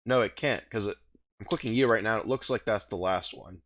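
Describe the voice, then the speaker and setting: A man's voice: fairly low pitch, brisk, a bit bright, dull audio. A man casually commenting on his own gameplay, thinking aloud and rambling, with a groggy morning voice. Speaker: gaming video host. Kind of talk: casual let's-play commentary.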